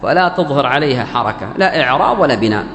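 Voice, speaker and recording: A man teaching the rules of Quran recitation in a religious lesson, speaking deliberately and repeating key phrases for emphasis. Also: medium pitch, expressive, a bit bright. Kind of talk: religious lesson explaining a verse text. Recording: echoey hall with faint background hum.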